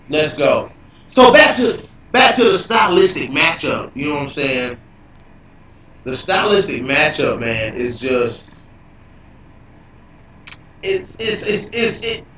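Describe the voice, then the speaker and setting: A man's voice: high voice, bright, forceful tone, a little hiss or hum. Robot-glitched man, very echoey. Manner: loose, profane, repeats himself a lot. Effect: clangy robotic glitch on the voice. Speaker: livestream host. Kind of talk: casual live stream chat. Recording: robotic, echoey, distant computer mic.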